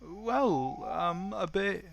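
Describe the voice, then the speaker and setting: A man's voice: high-pitched, animated, very slow, gravelly, fairly bright tone, no echo, pitched above the performer's own voice, heavily acted. A man voicing a friendly young male tank engine who hesitates over his words. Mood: hesitant.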